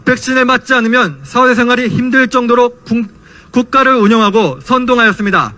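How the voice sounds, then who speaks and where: A young man delivers a student's political rally speech. His voice is strikingly high and has a forceful, sharp edge. He declaims with passion, in the rhetorical manner of a protest orator. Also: fairly quick. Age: young adult. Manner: impassioned, declamatory rhetorical questions.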